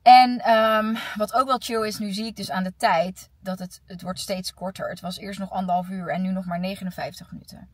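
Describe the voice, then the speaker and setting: Young Dutch woman vlogger, casual and chatty, slightly husky, close dry sound. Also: mid-range voice, a little fast, hardly any pauses, no echo, far from the mic. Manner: chatty, animated storytelling. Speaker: vlogger, teacher. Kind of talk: casual weekly vlog. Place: car and on the go.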